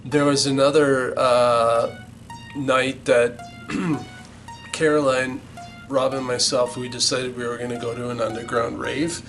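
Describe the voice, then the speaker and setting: A man's voice: medium pitch, little pitch movement, unhurried, fairly bright tone, rough recording. Middle-aged guy rambling thru an old story, swears constantly, keeps restarting, music playing under him. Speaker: band member recalling the band's origins. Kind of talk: casual storytelling.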